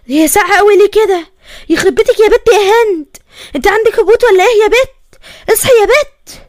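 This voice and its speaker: A woman's voice: expressive, fast, warm tone, no echo. A woman voicing a panicked middle-aged Egyptian mother who wails and cries out in grief. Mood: alarmed. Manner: wailing, shrill, frantic.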